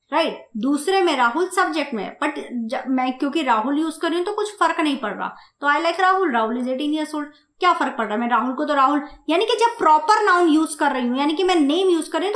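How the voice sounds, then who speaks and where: A woman teaching German grammar in Hindi, speaking slowly, repeating points and asking her students questions. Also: high voice, fairly bright tone, echoey room. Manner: slow, repeats and asks the class questions. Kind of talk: grammar lesson explained in Hindi.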